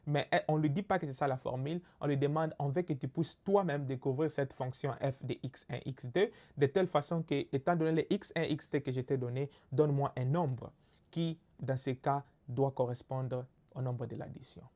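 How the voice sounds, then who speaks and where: A man with a Congolese French accent teaches a recorded lesson in a mid-range voice. He explains patiently and step by step. He often pauses on fillers and checks that his listeners follow. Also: medium pitch, warm tone. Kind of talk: recorded lecture.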